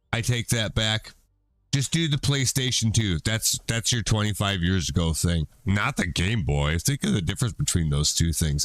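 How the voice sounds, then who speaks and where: A man's voice: fairly low pitch, no room sound. A middle-aged man chatting casually while streaming a game, rambling and swearing offhand. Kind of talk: casual chat while gaming.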